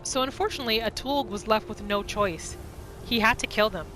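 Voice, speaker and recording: Over music, a woman speaks briskly in a mid-range voice as host of a gaming video. She recounts her roleplay playthrough in the third person, in a casual, chatty storytelling way.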